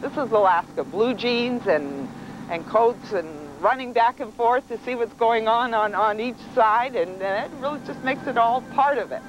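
An older woman talks emphatically, stumbling over and repeating her words. She is outdoors on a ship deck. Engine and wind noise is clearly heard around her. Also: fairly high pitch, moderate pace. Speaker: cruise passenger. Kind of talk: casual interview remarks.

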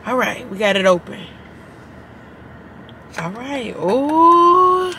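A woman's voice: mid-range voice, slow. A young woman giving a brash, exaggerated, profanity-heavy comedic reaction in a casual vlog, recorded inside a car. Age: young adult. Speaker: vlogger doing a taste-test reaction. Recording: background noise inside a car.

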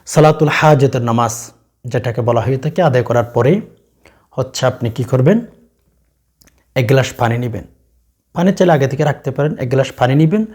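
A man with a Bangladeshi Bengali accent teaching a religious practice to viewers, speaking directly to them and reciting verses slowly and drawn out. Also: medium pitch, a little mellow.

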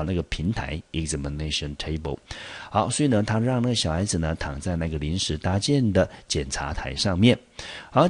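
A man, a high school English teacher giving a lecture-style lesson. He explains patiently and repeats himself, stresses key points with reminders, and slows right down to spell out English words. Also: dry recording. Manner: patient, repetitive explaining with frequent emphatic reminders. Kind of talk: classroom-style lecture video.

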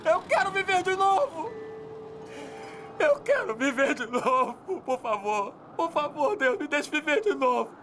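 A man dubbing a film role, playing a desperate family man who shouts, pleads and laughs through tears. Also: very high voice, unhurried, long pauses, slight background noise. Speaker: dubbed film actor. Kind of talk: Brazilian Portuguese film dub. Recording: film soundtrack with loud music.

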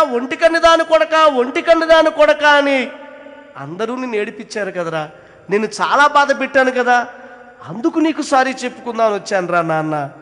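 Heartbroken old mother, as a man puts her on, tender pleading voice, anguished high cries, long hall reverb. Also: fairly bright tone, lightly acted. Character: old one-eyed mother, grieving and pleading.

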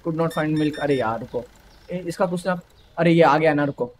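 A young man from India gives playful gameplay commentary, joking with the characters and talking to himself as he plays. His voice sits a little high for a man. A faint noise runs under the recording. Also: unhurried. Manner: playful, teasing, talks to game characters. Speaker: gaming YouTuber.

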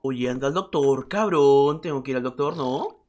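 A man commenting casually on a game he is playing, excitable, repeating words in quick bursts and yelling when startled. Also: mid-range voice, highs cut off, faint music behind. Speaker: gaming streamer.

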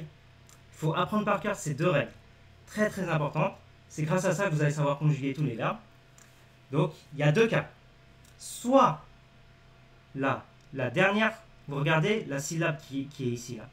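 Speaking to his live-stream audience, a man teaching a language goes through the material step by step, repeating key points straight to viewers. His voice is fairly high, and he sits far from the mic in an echoey room, speaking away from it.

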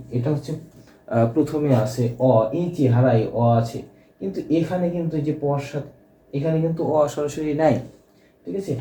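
Guy teaching a grammar class, super dark mellow voice, keeps asking if everyone's got it, echoey room. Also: on the high side, a little hiss or hum. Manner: explanatory, repeats key points and checks with "ঠিক আছে?". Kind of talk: grammar lesson.

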